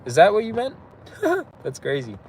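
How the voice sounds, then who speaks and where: Across from a police station, outdoors, a young YouTuber live streams from his phone with a slight cold that leaves him sniffly. His high voice swoops wildly in pitch at a moderate pace, sounding a little mellow and slightly rough, as he rambles easygoingly, says "like" and "bro" a lot and laughs easily with viewers.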